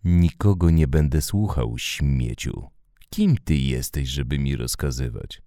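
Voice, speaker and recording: A drunk, abusive husband who sneers and throws crude insults, as a male reader puts him on. The voice sits very deep and swings widely in pitch, dark in tone, in a dry close recording for an audiobook story. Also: expressive, slow, dry recording, heavily acted. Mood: contemptuous.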